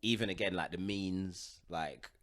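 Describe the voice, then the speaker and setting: A man in his thirties with a London accent talks in a very deep voice. The sound is dry, with hardly any room. His delivery is casual and conversational, full of street slang, like a podcast host chatting with a mate. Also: a little slow, fairly bright tone, no room sound. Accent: London British. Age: 30s. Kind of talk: casual chat.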